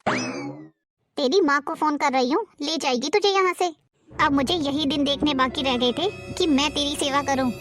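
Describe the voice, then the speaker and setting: A woman's voice: high-pitched, a little slow. A woman playing a harsh, superstitious middle-aged mother-in-law who scolds in a bossy way, in a homemade moral-story drama. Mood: contemptuous. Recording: music clearly behind the voice.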